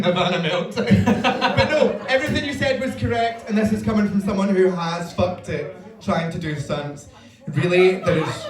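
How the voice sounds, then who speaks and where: A Scottish man giving blunt, joking, sweary feedback as a competition judge on stage. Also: sits high. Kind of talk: spoken stage critique. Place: roomy live venue with audience. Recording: echoey live venue, distant mic.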